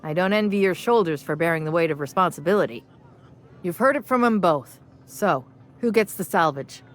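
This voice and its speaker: A woman's voice: lowish voice, animated, normal speed, natural voice. An actress playing a stern, no-nonsense female bar owner in a game, firm and dry. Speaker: game character.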